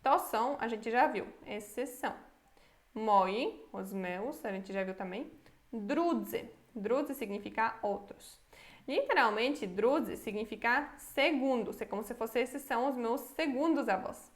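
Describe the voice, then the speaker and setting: A woman's voice: on the high side, lively intonation. A woman with a Brazilian Portuguese accent teaching a beginner language lesson, patiently breaking words into syllables and checking in often. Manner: patient, slow syllable-by-syllable pronunciation drills, checks in with "tá?". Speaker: Polish teacher.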